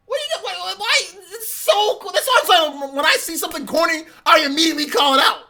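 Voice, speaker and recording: A man's voice: very high voice, sharp tone. A man in his forties ranting in a live reaction stream, exasperated and repeating himself. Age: 40s. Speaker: livestreamer.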